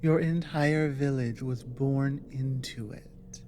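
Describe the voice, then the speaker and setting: In an ASMR audio drama with clear background noise, a woman voices a grave female dragon who has survived a long war. Her extremely low, mellow voice stays fairly even as she speaks slowly, earnest and halting, with dramatic pauses. The mood is urgent and earnest.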